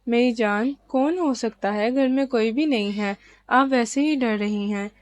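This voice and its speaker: A woman reading aloud as a gentle young husband calming his wife. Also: a little high, lightly acted. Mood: soothing. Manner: soothing, gentle.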